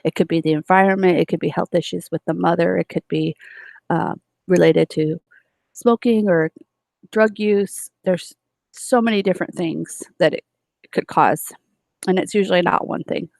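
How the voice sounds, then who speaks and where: A woman's voice: fairly low pitch, fairly even intonation, normal speed, gravelly, a little mellow, no room sound. A woman teaching a nursing class, explaining step by step with many fillers and restarts. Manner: explanatory, with frequent fillers and self-corrections. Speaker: nursing instructor. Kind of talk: recorded lecture.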